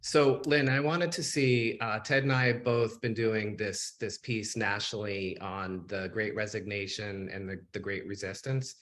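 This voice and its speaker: A man hosting an interview with an energetic, conversational way of talking. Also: on the low side, a little slow, hardly any pauses, slight background noise. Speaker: podcast host. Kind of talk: casual interview chat.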